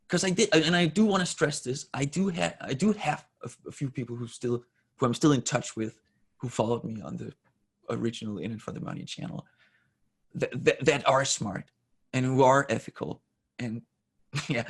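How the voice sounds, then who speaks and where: An interview guest, a Danish man in his forties who speaks Danish natively, talks candidly in a halting, self-correcting way. His mid-range voice is husky and gravelly.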